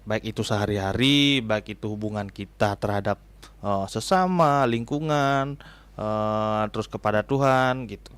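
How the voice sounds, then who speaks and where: Young man, lowish voice, dry studio sound, radio guest explaining with fillers and small laughs. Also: a little slow, fairly bright tone, smooth, dry recording. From Bali, Indonesia. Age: 20s. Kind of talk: casual radio interview.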